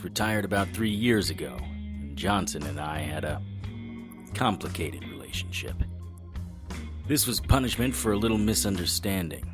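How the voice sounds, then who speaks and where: In a noir-style audio drama, an actor with a low male voice plays a wisecracking, world-weary occult investigator, both narrating and trading lines. His delivery is sardonic and flippant.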